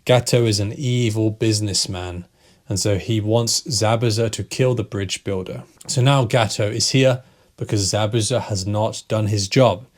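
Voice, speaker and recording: A man teaching English, retelling a story slowly for learners, repeating key phrases and checking in with "right?". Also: lowish voice, fairly even intonation. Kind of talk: slow retelling for language learners.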